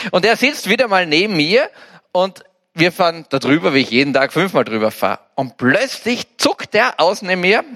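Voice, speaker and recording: An Austrian man gives a sermon to a church audience, his voice bright and somewhat high for a man. He tells stories with humor and briefly acts out what the people in them say. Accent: Austrian German. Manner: lively storytelling with jokes and acted quotes. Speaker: pastor.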